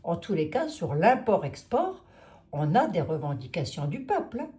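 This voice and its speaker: A woman's voice: on the low side, sing-song, normal speed, mellow, echoey room. A woman with a Lorraine French accent doing a casual tarot reading, musing aloud and hesitating with many fillers. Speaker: tarot reader.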